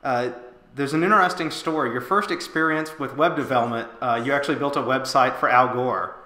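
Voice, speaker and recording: A man's voice: mid-range voice, a little fast, sharp tone, reverberant. A man hosting an interview show, friendly and upbeat, often repeating words as he starts his questions. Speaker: podcast host. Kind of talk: casual interview.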